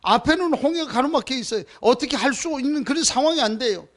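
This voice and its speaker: A man preaching a Sunday sermon in Korean, retelling scripture in a conversational, animated way and acting out the quoted lines. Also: very high voice, quick pace. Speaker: pastor.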